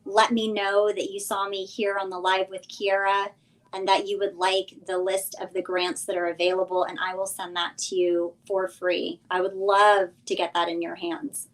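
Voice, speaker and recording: A woman's voice: mid-range voice, flat delivery, moderate pace, poor audio. A woman speaking informally as a guest coach on a livestream, explaining details and encouraging listeners to act. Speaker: business coach, guest sponsor. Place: remote live video stream.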